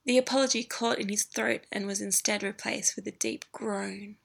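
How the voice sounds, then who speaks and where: A woman narrating a story in whispered role-play, with a hushed, breathy delivery that often drops into a whisper. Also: mid-range voice, steady tone, normal speed.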